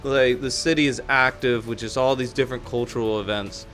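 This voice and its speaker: A man's voice: mid-range voice, fairly even intonation, a little fast, fairly bright tone, faint music behind. A man co-hosting a casual chat, telling stories with lots of fillers and restarts. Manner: rambling, storytelling with many fillers and restarts. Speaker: podcast co-host.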